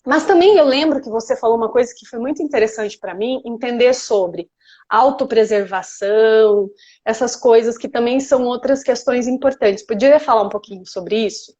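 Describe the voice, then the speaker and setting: A woman's voice: on the high side, moderate pace, dark tone, lo-fi sound. A woman hosting a live stream interview, asking curious, encouraging questions over a video call. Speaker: host and interviewer.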